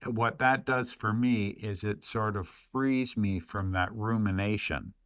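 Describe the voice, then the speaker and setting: A man appearing as a podcast guest, speaking in a measured, thoughtful way. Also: fairly low pitch, fairly even intonation, fairly bright tone, no echo. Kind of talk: casual podcast discussion.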